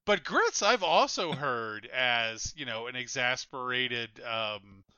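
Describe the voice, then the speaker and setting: A man co-hosting a podcast, talking in animated casual chat with lots of filler words. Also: medium pitch, unhurried, clear, resonant tone, no room sound, highs cut off. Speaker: podcast co-host.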